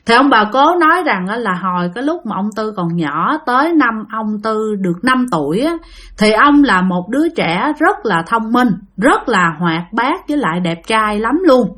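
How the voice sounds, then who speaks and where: A woman's voice: on the high side, big pitch swings, normal speed, fairly bright tone. A woman with a Southern Vietnamese accent telling a spooky story in a chatty way, speaking directly to her listeners.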